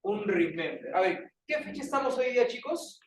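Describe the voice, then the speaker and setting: A man with a Peruvian accent teaches a class, bantering and poking fun at his students. His voice sits high, and it is caught from a distance in a bare, echoey classroom. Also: animated, brisk, a bit bright, a little hiss or hum. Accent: Peruvian Spanish. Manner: playful, teasing banter with students. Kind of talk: classroom lecture.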